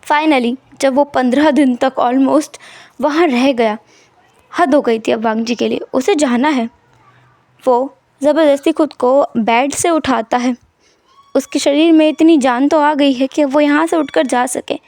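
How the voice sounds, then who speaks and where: High-voiced woman retelling a story. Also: unhurried, darkish tone, no echo. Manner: casual, conversational retelling. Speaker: story narrator.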